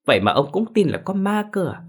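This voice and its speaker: A sharp-tongued village wife scolds and mocks in a high, piercing voice, as a male storyteller puts her on. The tone is husky and the pitch leaps about. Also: sing-song, a little fast, exaggerated voice. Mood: mocking. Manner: shrill, mocking, nagging.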